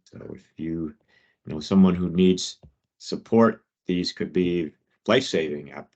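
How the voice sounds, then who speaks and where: Guy with a lowish voice running a staff meeting on a video call, kinda muffled sound. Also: a little slow, darkish tone. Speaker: meeting host presenting safety updates. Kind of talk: informal work meeting presentation. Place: online meeting. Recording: dull, lo-fi video call audio.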